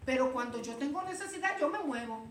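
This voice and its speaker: A woman preaching an informal sermon, lively, acting out Bible voices and calling the listeners "brother". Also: high voice, fairly quick. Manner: animated, acts out Bible voices, calls listeners "hermano". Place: church. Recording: echoey room, heard from a distance.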